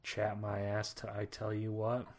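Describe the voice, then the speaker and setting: A man's voice: lowish voice, monotone, unhurried, darkish tone, a little hiss or hum. A man co-hosting a podcast, talking casually with a wry, curmudgeonly edge. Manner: wry, self-described curmudgeon. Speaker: podcast co-host. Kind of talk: casual chat.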